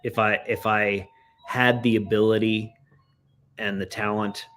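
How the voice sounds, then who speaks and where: A man in a casual chat, musing and rambling with lively enthusiasm. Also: fairly low pitch, measured pace. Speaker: guest.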